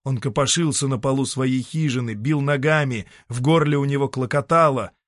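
Male narrator, dramatic dark-tale reading, bright tone, dry close sound. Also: medium pitch, normal speed, no room sound. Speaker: audiobook narrator. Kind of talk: scripted narration.

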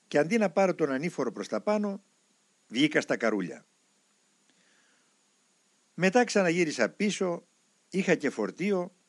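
A man reading a biography aloud as scripted narration, in a measured and expressive way. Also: fairly high pitch, dry recording.

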